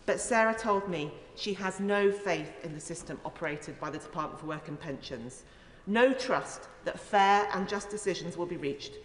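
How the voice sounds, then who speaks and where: A woman member of parliament delivers an earnest, emphatic, rhetorical speech during a formal debate in a large indoor chamber. Her lowish voice moves at normal speed with few pauses, and the echoey, reverberant room carries slight background noise.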